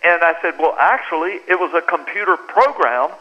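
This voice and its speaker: An American author guest on a radio show, calling in on a lo-fi line, tells a story at normal speed in a fairly high-pitched voice. He brings it to life by acting out what each person said.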